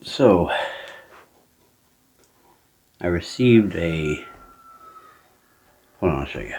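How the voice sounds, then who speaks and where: A man's voice: low voice, expressive, slow, gravelly, darkish tone. A man with a drawl, chatting casually as a homestead vlogger at home. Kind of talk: casual vlog chat.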